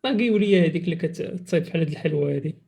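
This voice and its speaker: A man's voice: fairly high pitch, lively intonation, very fast, creaky, heavy background noise. A man with a Moroccan accent chatting casually and teasingly as he reacts to clips, with exclamations. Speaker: video creator reacting to funny clips.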